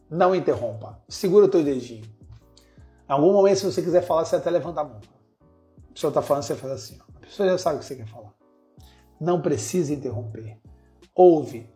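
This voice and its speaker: A man's voice: fairly high pitch, mellow. A Brazilian man hosting a podcast lesson, talking in a slangy way and firing off punchy rhetorical questions. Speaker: podcast host giving business advice.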